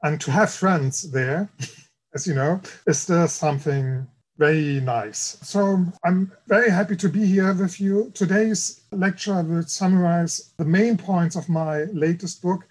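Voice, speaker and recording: A man from East Germany with a German accent giving an academic lecture in a careful, measured way. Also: high-pitched, rough recording. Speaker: guest lecturer.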